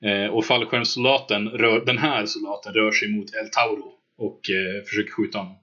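A man running a tabletop game as game master, narrating scenes in a relaxed way with many filler words. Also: on the low side. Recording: dull lo-fi mic.

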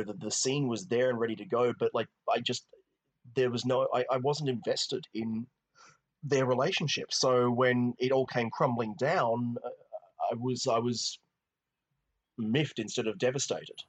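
Male podcast co-host, loose rambling film chat, average-pitched voice. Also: moderate pace, low-quality recording. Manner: rambling, many restarts and "you know". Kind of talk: casual film review chat.

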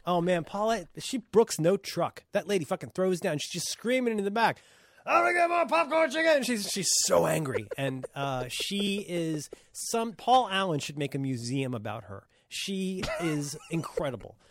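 A man co-hosting a podcast, telling stories in a laughing, animated way and swearing freely. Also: on the high side, normal speed, hardly any pauses. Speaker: podcast co-host. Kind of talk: casual chat.

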